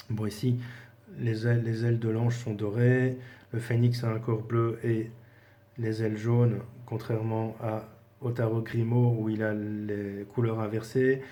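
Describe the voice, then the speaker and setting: This tarot teacher has a mid-range voice with a dark tone. He delivers a laid-back spoken lesson, addressing the viewer informally in a conversational way, with frequent hesitations and plenty of filler words.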